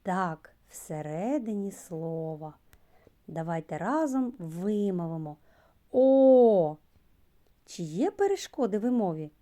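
A woman preschool teacher giving a slow literacy lesson to young children, stretching out sounds and key words. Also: medium pitch, dark tone. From Ukraine.

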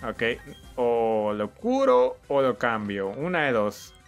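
A man's voice: medium pitch, big pitch swings, slow pace, soft background music. A young man giving casual let's-play commentary as the host of a gaming channel, cheering his team on, thinking aloud and swearing often.

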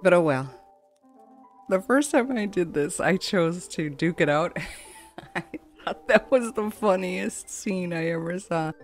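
A woman with a fairly low, animated voice talks a little slowly over game footage, game music in the background. As a gaming channel host, she delivers loose, chatty let's play commentary.

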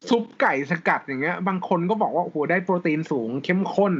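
Casual podcast co-host, man, high voice, step-by-step explainer, slightly dull audio. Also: lively intonation, fast talker. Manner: explains step by step, laughs often. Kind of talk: casual chat about law.

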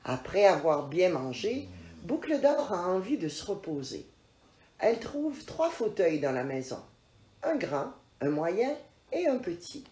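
A woman narrating a children's story in an expressive, lilting way. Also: fairly low pitch, unhurried. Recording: roomy echo.

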